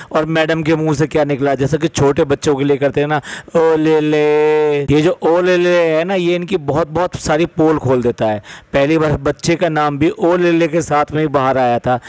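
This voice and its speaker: A man talks in a raised, fairly high register, his commentary biting and sarcastic as he picks apart other people's online habits. The sound is close and dry, with no room around it. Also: no room sound. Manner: sarcastic, mocking. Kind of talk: critical commentary on vloggers.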